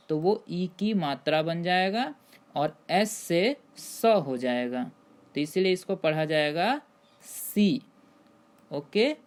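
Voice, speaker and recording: A woman's voice: on the low side, darkish tone. A woman teaching English pronunciation in Hindi, spelling words out letter by letter before saying each one and repeating the rules for her viewers. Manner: spells out letters slowly, then says each word. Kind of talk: Hindi-language spelling lesson.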